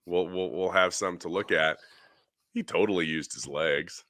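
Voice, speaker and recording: A middle-aged man with a low, bright, forceful voice talks through a baseball swing in an animated, rambling way. He is recorded on a dry, close mic for a podcast. It sounds like casual studio chat. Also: normal speed, no room sound. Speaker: podcast co-host, hitting coach.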